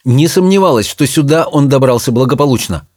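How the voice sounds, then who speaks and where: A man voicing a brisk, no-nonsense middle-aged witch who is also a mother, in a storybook reading. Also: mid-range voice, animated, darkish tone, no room sound, clean studio sound, lightly acted.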